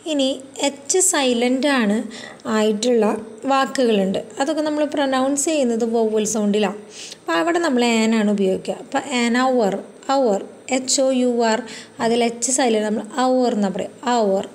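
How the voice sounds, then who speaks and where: A woman's voice: a little high, moderate pace, darkish tone. A woman teaching grammar for an exam, explaining step by step through many examples and checking in with tag questions. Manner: frequent fillers and tag questions. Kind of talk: English grammar lesson explained in Malayalam.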